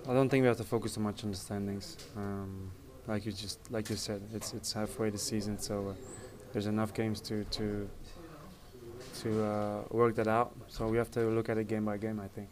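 Facing reporters after the match, the soccer captain, a man in his thirties, answers haltingly and evenly, repeating words in a voice on the low side. The setting is an indoor press area before a sponsor backdrop, with phones and handheld mics held close. Crowd chatter fills the noisy, packed room.

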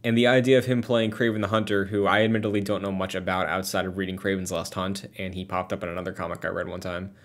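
A man's voice: low voice, flat delivery, quick pace, hardly any pauses. A young man co-hosting a podcast, talking in a chatty, wry way. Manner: chatty and wry, often laughing. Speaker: podcast co-host. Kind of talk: casual chat.

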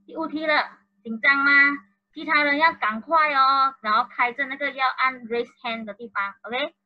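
A woman's voice: high-pitched, highs cut off. A woman teaching an online primary school class in Malaysian Mandarin, mixing in Malay and English words and coaxing the pupils along. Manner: encouraging, coaxing. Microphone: video call.

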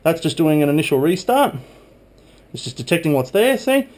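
Filming on a handheld camera in a small home room, a video blogger in his twenties gives an informal, chatty hands-on narration. He has a fairly high, sing-song voice that's a little mellow, moving at a moderate pace. There's faint noise in the background.

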